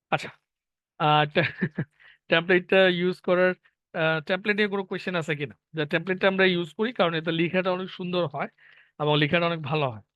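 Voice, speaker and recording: A man teaches an online class, working through each point step by step and stopping often to quiz his students. His voice sits a little high. The sound is dry and dull, with a lo-fi, muffled edge. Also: a bit bright, dry recording. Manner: explains step by step, asking students questions. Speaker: English teacher.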